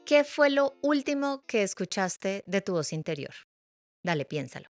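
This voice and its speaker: A middle-aged woman hosting a reflective podcast monologue, expressive and playful, shifting pace and loudness and laughing at her own stumbles. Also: mid-range voice, moderate pace, faint music behind. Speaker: podcast host.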